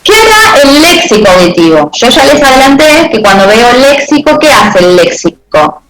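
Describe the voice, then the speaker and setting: Una profesora con acento argentino da una clase y a cada rato verifica con "¿sí?" que sus alumnos entiendan. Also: female voice, sits high, very animated, moderate pace, a bit bright, reverberant, low-quality recording. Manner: checks understanding with frequent "¿sí?". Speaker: teacher. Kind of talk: class lecture with questions to students.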